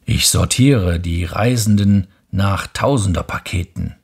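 A man voicing a weary, matter-of-fact adult railway switchman in a hushed bedtime reading. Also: low voice, a little slow, creaky, husky, exaggerated voice.

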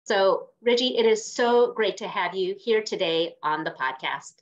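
A woman's voice: medium pitch, lively intonation, unhurried. A woman podcast host who reads a guest introduction and asks encouraging questions over a video call. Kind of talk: reading an intro, then interviewing. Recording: dull lo-fi video call audio.

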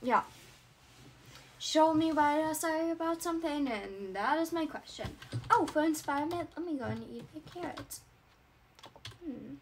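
A woman's voice: high-pitched, expressive, moderate pace, long pauses, slight background noise. A woman narrating her game character in a playful first-person way, chatty and dramatic with lots of "like" fillers.

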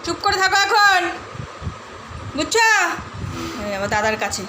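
High-voiced woman vlogging at home. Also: big pitch swings. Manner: scolds and coaxes the dog in rapid repeated commands. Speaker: vlogger filming her dog at home. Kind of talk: casual home vlog narration. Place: inside a home. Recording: echoey room with background noise.

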